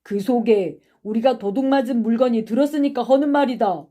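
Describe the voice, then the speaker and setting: A woman voicing a brash schoolboy ringleader who hurls loud, taunting accusations in an audiobook reading. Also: mid-range voice, a little slow, natural voice. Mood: accusing.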